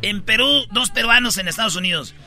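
A man's voice: high voice, a little fast, sharp tone, soft background music. A man with a Mexican accent hosting a comedy radio show, joking playfully, imitating accents and laughing often.

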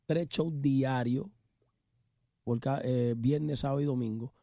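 A man with a Puerto Rican accent, a guest musician chatting casually in an interview and telling his stories with quick asides. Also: medium pitch, no echo, clean studio sound. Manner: animated storyteller, quick asides.

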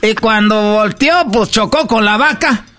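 A man voicing a loud, blunt, proud old rancher with a Mexican accent in a radio comedy sketch, talking brusquely and rambling through crude jokes. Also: sits high, unhurried, noisy background. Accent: Mexican Spanish.

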